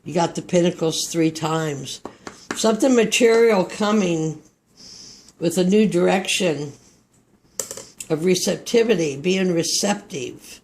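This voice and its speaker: Over slight background noise, a high-pitched man gives a tarot reading in a Texan accent. He takes his time as the reader, wandering through his thoughts in a slow, reflective way.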